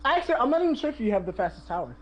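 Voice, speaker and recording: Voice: mid-range voice, sing-song, rapid-fire, muffled recording, slight background noise. A host giving casual commentary over their own speedrun, chatty, often laughing and sharing tips.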